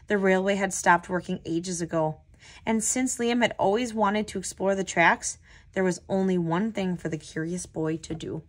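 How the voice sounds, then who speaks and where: A woman's voice: mid-range voice, moderate pace. Woman reading a children's storybook aloud. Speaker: tutor hosting a children's read-aloud.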